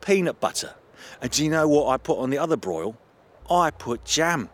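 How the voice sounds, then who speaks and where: A man's voice: medium pitch, normal speed, voice pushed up, lightly acted. A man putting on an eager young artist. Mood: teasing. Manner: animated, playful teasing. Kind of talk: audio drama acting.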